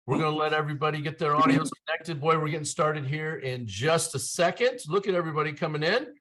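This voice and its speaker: A man's voice: on the high side, quick pace, bright, forceful tone. Upbeat folksy man hosting a call. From Ohio. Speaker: webinar host. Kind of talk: energetic online meeting hosting. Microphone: video call.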